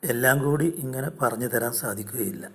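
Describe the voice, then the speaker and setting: A man with a Malayali accent teaching English grammar online, reading word lists one at a time with pauses. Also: mid-range voice, a bit bright. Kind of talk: slow, deliberate grammar lesson.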